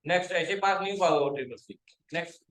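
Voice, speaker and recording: A man's voice: on the high side, quick pace, a bit bright, roomy sound, poor audio. A male computer teacher giving a classroom lecture, quizzing his students, calling them to stand and scolding those who have not understood.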